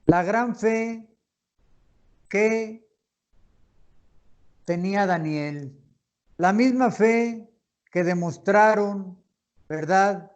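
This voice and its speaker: A man with a fairly high voice teaching a Bible study. He reads scripture slowly and deliberately, pausing often and restarting phrases as he explains the passage. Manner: slow, deliberate reading with pauses and restarts.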